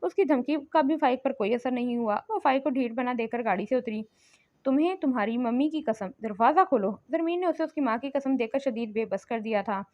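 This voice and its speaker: A woman narrating a novel in a steady, emphatic storytelling manner, in a slightly muffled lo-fi recording. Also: a little high, a little fast, hardly any pauses, no room sound. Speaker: audiobook narrator.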